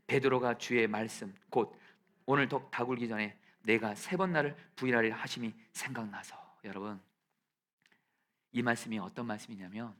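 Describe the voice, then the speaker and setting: A male pastor preaching a sermon in a church. He swings from soft near-whispers to loud shouted peaks and leads the congregation in reading scripture aloud. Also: mid-range voice. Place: church sanctuary.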